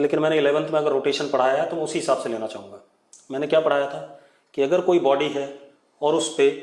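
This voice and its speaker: A man's voice: on the high side, a little mellow, echoey room. A man teaching a physics class online, asking students questions and repeating key words as he writes. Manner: mixes Hindi with English dictation.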